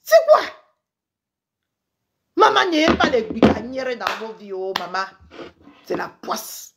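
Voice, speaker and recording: A woman ranting on a live social media stream, upset and angry, repeating herself and swinging between loud outbursts and low mutters. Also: lively intonation, a little slow, slight background noise. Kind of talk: indignant Facebook live rant.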